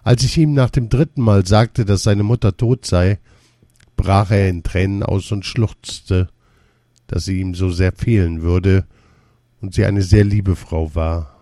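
A man reading a first-person story as a care worker, calm and measured. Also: deep voice, dry recording, studio quality.

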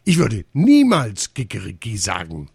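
Ein eitler Zirkusdirektor, der seine Ansprachen in sehr hoher, krähender Stimme langsam ausruft. Aufgeblasen und würdevoll, in trockenem Klang. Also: male voice, sing-song, slow, dry recording, clean studio sound, full character voice. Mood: indignant. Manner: grandly declaiming, crowing falsetto shouts. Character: pompous male circus director, loves giving speeches.

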